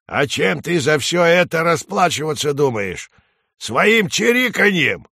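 Man voicing a hoarse old crow, slow and scolding, nagging, dry close sound. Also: fairly high pitch, sing-song, bright, forceful tone, no room sound, voice pushed up, full character voice. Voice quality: hoarse, unpleasant.

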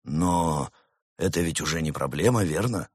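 A man voicing a fussy, excitable male professor who gets flustered, in a storybook reading. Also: extremely low pitch, normal speed, slightly rough, dry recording, studio quality, exaggerated voice.

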